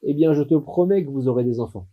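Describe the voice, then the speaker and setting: A man voicing a gentle, wise elderly sage who speaks softly and calmly in a told story. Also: on the high side, fast, highs cut off, lightly acted.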